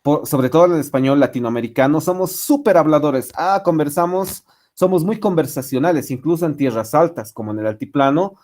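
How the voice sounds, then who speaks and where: A man's voice: on the high side, fairly quick, a little mellow. A man giving an online English lesson, rambling with many fillers and restarts. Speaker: English teacher. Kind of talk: online lecture.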